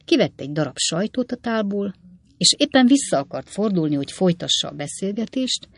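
A woman narrating a classic novel as an audiobook in a measured, even storytelling manner. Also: mid-range voice, breathy edge, no room sound. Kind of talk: scripted narration.

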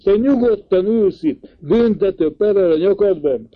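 A man's voice: on the high side, phone-quality sound, voice pushed up, close to an everyday voice. A man voicing an agitated elderly uncle who exclaims and pleads. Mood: alarmed.

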